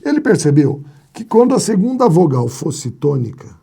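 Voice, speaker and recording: Man, grammar teacher, animated pitch, dark husky voice. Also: normal speed. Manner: asks and answers his own questions, playful anecdotes. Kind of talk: classroom lecture on spelling rules.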